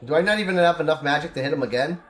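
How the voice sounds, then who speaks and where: A man's voice: on the high side, racing, roomy sound, slight background noise. A man casually chatting while streaming a game, rambling and laughing often as he plays.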